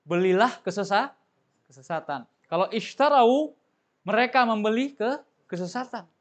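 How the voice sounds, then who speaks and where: A man's voice: high voice, animated, moderate pace. A male teacher giving a tajwid lesson to a class, explaining patiently, asking questions and having students repeat after him. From Indonesia. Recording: dull lo-fi recording.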